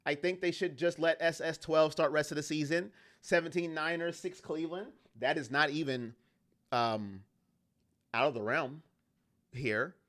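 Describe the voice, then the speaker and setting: A man with a high, bright, cutting voice hosts a fan livestream, talking into a desk mic. He rants with real heat, then drops back to read chat comments aloud. His tone is impassioned and opinionated throughout. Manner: heated, ranting, fast-shifting intensity. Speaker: fan channel host. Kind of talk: livestream sports talk, reading chat.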